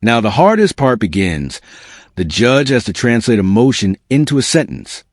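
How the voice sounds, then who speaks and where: Male commentator, dry close sound, animated pitch, dramatic scripted reads. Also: normal speed, no echo. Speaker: legal commentator.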